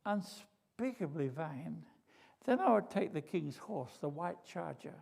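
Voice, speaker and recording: A man's voice: fairly high pitch, lively intonation, unhurried, vocal fry, darkish tone, breathy edge. An older man from Australia preaching a sermon, telling a story with drama, humor and acted quotes. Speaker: pastor. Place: church.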